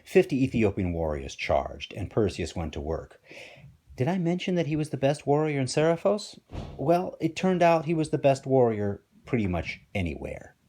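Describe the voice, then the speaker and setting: A man's voice: medium pitch, animated, normal speed, dark tone. A man, a teacher, reading a storybook aloud with playful, wry asides to his listeners.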